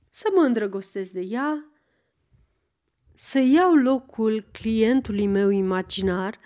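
A woman narrates a short story aloud, reading in measured, phrase-by-phrase steps with long pauses. Her voice sits somewhat high. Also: a little mellow.

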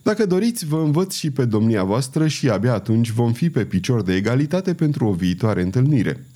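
A man voicing a cool, wry, confident male knight in an audiobook reading, speaking calmly and frankly. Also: mid-range voice.

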